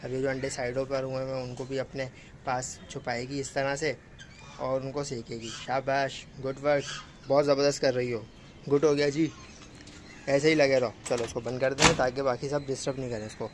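A young farm vlogger strolls through his outdoor animal farm, chatting casually and speaking fondly to the animals, filmed on a phone camera held at arm's length. His mid-range voice is flat and moderately paced, with background noise behind it.

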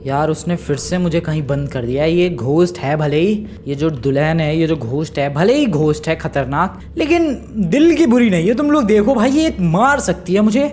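A man giving lively, chatty commentary on his own gameplay, talking straight to his viewers. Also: fairly high pitch, moderate pace, few pauses, a little hiss or hum. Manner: excitable, chatty, talks to viewers as "bhai" and "guys". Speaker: gaming YouTuber.

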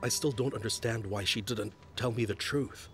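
A man's voice: fairly low pitch, normal speed, fairly bright tone, faint music behind, close to an everyday voice. An actor dubbing a young husband who speaks firmly to his father and wife. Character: young husband, calm son. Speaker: dub actor. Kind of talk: drama dub.

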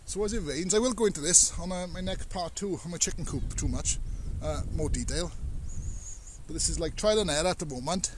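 A farmer vlogger rambles casually as he walks around his farmyard and cow shed outdoors, plain-spoken and showing his work as he goes. His voice sits on the high side and moves fairly quickly. An action camera on his body picks him up against a noisy background.

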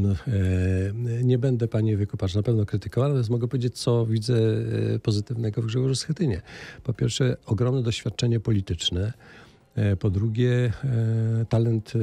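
Older man, low mellow husky voice, studio mic, measured and halting radio interview guest. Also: steady tone, no echo. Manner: measured, hesitant, many filler sounds. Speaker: politician guest. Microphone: studio microphone on boom arm.

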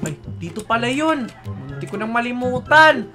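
A woman narrating a Minecraft role-play, excitable, playful and dramatic. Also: fairly high pitch, normal speed, faint music behind.

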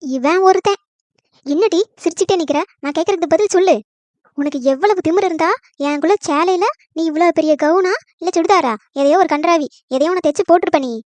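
A woman's voice: extremely high pitch, a little mellow, dry recording. A woman voicing a short-tempered mother-in-law in a cartoon comedy, scolding and indignant. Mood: angry scolding. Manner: scolding, indignant, fast-talking when angry.

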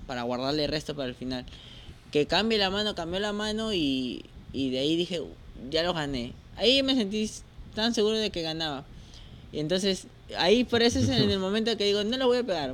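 A man, a jockey, talks on a studio panel. His voice is a little high, and he speaks hesitantly, with frequent restarts. Faint background noise sits under him. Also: expressive, brisk, fairly bright tone. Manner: hesitant, restarts often, recounting a race. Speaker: jockey guest. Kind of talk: casual studio chat.

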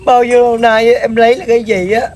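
A woman's voice: a little high, level tone, quick pace, darkish tone, a little hiss or hum, close to an everyday voice. A young woman playing a daughter who stammers and begs forgiveness. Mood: pleading. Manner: tearful, pleading, stammering. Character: ashamed young mistress, begging forgiveness. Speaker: daughter accused of being a mistress.

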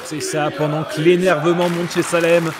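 A man giving live wrestling commentary as the analyst, in measured, well-formed remarks. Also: a little high, flat delivery. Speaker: colour commentator. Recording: loud crowd noise throughout. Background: noisy live wrestling crowd.

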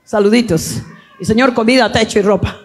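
Woman preacher, husky and fervent, given to shouted, sung cadences. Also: a little high, brisk. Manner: fervent, often shouting and half-singing phrases. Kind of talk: Pentecostal sermon.

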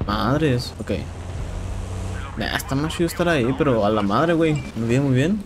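A young man with a Mexican accent giving casual, excitable commentary while playing a shooter game, swearing and repeating words. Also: medium pitch, normal speed. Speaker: gameplay streamer. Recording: game sounds and noise in background.

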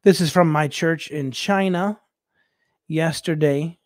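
A man who is a missionary preacher, telling a rambling, animated story on a talk show, laughing often and restarting his sentences. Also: a little high, slow, no echo, studio quality. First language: English.

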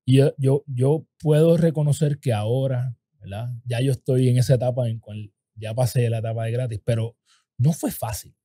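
A man's voice: mid-range voice, fairly even intonation, moderate pace, dark tone, no echo, studio quality. A man hosting a podcast, asking his guest conversational questions. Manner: conversational, asks probing questions. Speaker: podcast host. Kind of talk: interviewing a guest.

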